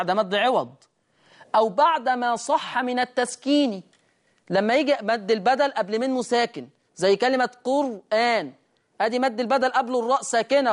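A recitation teacher with an Egyptian Arabic accent and a mid-range voice leads a classroom lesson. He keeps posing rhetorical questions and answering them straight away, drawing out quoted verse in a slow chant.

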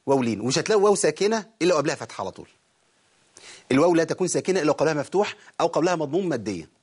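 A man with an Egyptian accent teaches recitation on a live call-in lesson. He talks rapidly in a somewhat high voice. He stops to stretch single words out slowly as examples. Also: big pitch swings, darkish tone, breathy edge. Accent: Egyptian Arabic. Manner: explains fast, then recites words slowly to demonstrate.

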